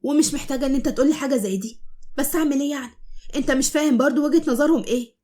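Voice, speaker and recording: A woman's voice: high voice, very fast, dark tone, natural voice. A woman voicing a tearful eldest daughter, a university student, in an Egyptian cartoon story. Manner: tearful, pleading.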